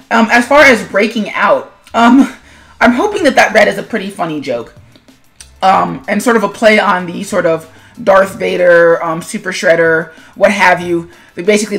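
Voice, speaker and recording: An animator and video host talks casually about her own animation in a commentary vlog. Her voice is mid-range and fairly bright, and her delivery rambles in a conversational, self-deprecating way.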